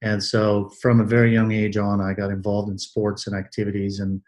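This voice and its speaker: A Belgian man in his sixties, an athletic trainer appearing as a guest, gives interview answers in a low, darkish, monotone voice. His delivery is measured, with many hesitations and restarts.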